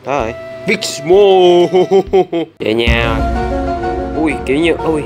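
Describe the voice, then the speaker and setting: A man giving casual gameplay commentary, excitable and reacting loudly to the game with frequent swearing and laughter. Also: mid-range voice, unhurried, faint music behind. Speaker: gaming channel host.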